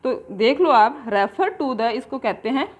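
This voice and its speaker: A woman teacher, giving an exam-prep lecture and slowly dictating definitions, then explaining them in Hindi. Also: fairly high pitch, expressive.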